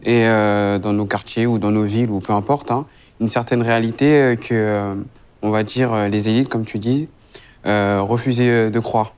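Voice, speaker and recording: A man in his twenties from France, speaking in a measured way with many pauses in a casual group discussion. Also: lowish voice, fairly even intonation, a little mellow, smooth. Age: 20s. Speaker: discussion participant.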